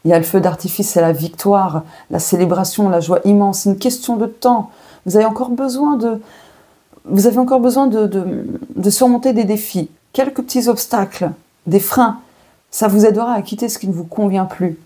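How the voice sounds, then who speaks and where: A woman's voice: medium pitch, moderate pace, warm tone, slightly rough. A woman with a French accent doing a casual weekly tarot and oracle card reading, chatting and thinking aloud with many fillers and asides.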